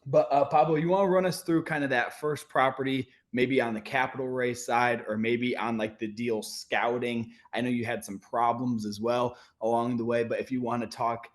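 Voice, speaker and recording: Male interview host, mid-pitched, upbeat and casual, slangy. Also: steady tone, moderate pace, hardly any pauses. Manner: upbeat, friendly, uses slang.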